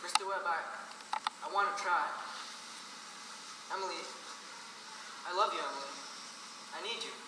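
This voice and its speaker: A man's voice: high voice, measured pace, long pauses. An actor playing a shy, earnest young man confessing love, hesitant and tender. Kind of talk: stage acting. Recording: echoey stage recording from far off, noisy.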